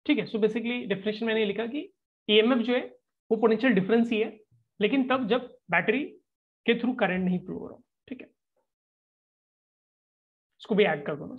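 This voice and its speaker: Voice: mid-range voice, normal speed, long pauses. Chatty teacher on a dull stream. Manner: conversational explaining with frequent checking-in tags. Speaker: physics teacher. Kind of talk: live online class lecture.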